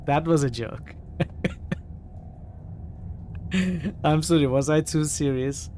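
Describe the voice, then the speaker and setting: A man's voice: fairly high pitch, extremely slow, background noise. A man chatting casually as he streams a video game. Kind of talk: casual stream chat and reading game text aloud.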